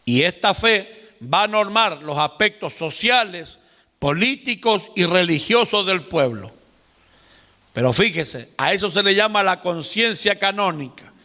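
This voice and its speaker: A man's voice: high-pitched, animated, unhurried, sharp tone, long reverb tail. A man teaching a seminar class, explaining patiently and speaking directly to his listeners. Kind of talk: classroom lecture.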